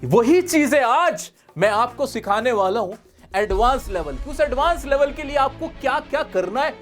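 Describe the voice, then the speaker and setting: A man teaching a spoken English lesson on video, lively and drawing out his English examples slowly for emphasis. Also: extremely high pitch, soft background music.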